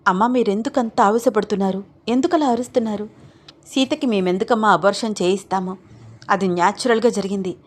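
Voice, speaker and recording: A woman's voice: medium pitch, brisk, close to an everyday voice. A woman voicing a patient young husband. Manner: patient, explaining. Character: young husband, calm and reasoning.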